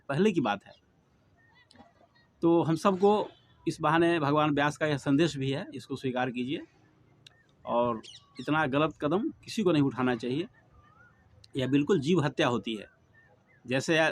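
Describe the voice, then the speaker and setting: A middle-aged man giving an earnest devotional discourse on scripture, rising and falling for emphasis as he preaches. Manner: earnest, preaching, rises and drops in pitch for emphasis. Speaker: Bhagavatam speaker.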